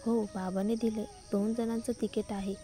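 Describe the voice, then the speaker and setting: A woman's voice: medium pitch, level tone, normal speed, dark tone, faint music behind, natural voice. A woman doing a chatty spoiled young woman.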